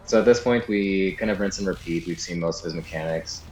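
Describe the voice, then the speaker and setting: This guide narrator has a deep, slightly mellow voice and a brisk pace. He walks through a video game casually and off the cuff, narrating his moves and frequently uncertain about specifics, while game music plays in a slightly echoey room.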